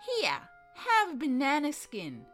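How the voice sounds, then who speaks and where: Boastful storybook monkey, teasing and gloating, slow delivery; woman voices it. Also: high voice, wildly swooping pitch, fairly bright tone, faint music behind, exaggerated voice. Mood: mocking. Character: greedy, boastful male monkey, mocking.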